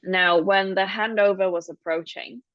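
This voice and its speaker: Her voice sits in the middle range, steady in tone and moderate in pace, as this thirtysomething Hong Kong woman co-hosts a relaxed podcast. She tells her family's story thoughtfully, explaining as she goes, over a dry, lo-fi recording.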